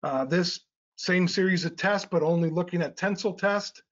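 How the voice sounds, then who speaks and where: A man's voice: high-pitched, moderate pace. A middle-aged man presenting technical slides in a webinar, explaining step by step with frequent uh and um fillers. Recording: slightly dull lo-fi webinar audio.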